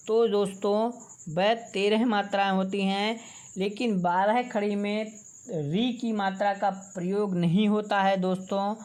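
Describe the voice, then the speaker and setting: A woman teacher, reading out syllables one by one in a slow reading lesson and calling her viewers friends. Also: mid-range voice. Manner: calls listeners "friends", drawn-out syllables.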